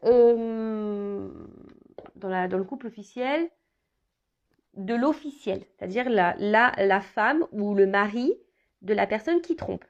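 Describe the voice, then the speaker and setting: Woman tarot reader talking casually to viewers, halting delivery full of fillers, slightly muffled recording. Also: medium pitch, animated. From France. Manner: hesitant, many fillers and restarts.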